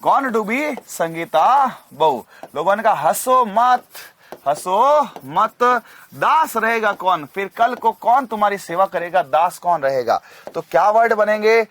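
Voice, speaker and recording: A man teaching chemistry in an energetic, motivational way, often repeating phrases and slowing down to drill memory tricks. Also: sits high. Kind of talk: energetic classroom lesson with mnemonic story.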